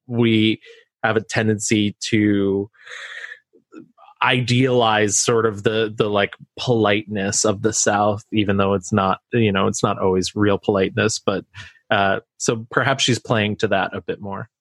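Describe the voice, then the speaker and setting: American man, conversational, animated, restarts often, dry close recording. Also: lowish voice, a little slow, no echo. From United States. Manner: thinking aloud with many restarts, animated. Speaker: film discussion co-host. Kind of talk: casual conversation.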